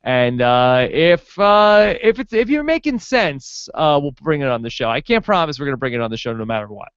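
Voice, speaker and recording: A man co-hosts a casual recap podcast in a smooth, fairly high voice. He sounds relaxed and joking as he reads out the plugs. The recording is dry and a little dull. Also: moderate pace, no room sound. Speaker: podcast co-host.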